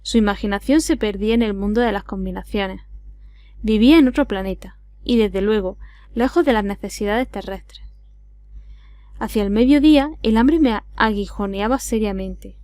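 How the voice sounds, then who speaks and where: A woman's voice: medium pitch, moderate pace, dark tone, dry recording. A woman with an Andalusian accent reading a classic adventure novel aloud as scripted narration. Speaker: audiobook reader.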